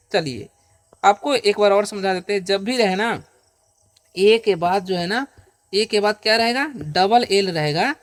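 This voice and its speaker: A man's voice: sits high, a bit bright. A man teaching English pronunciation rules in Hindi, patiently asking and answering his own questions and drawing out the example sounds. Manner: checks in with listeners with frequent "okay?" and "isn't it?"; slows down and stretches out example sounds. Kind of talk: Hindi-language pronunciation lesson.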